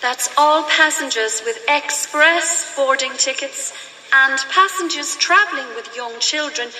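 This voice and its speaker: A woman playing an airport announcer, giving formal, measured boarding announcements in a clear, scripted manner. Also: sits high, pushed and bright, soft background music, heavily acted. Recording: echoey hall PA, distant, faint noise.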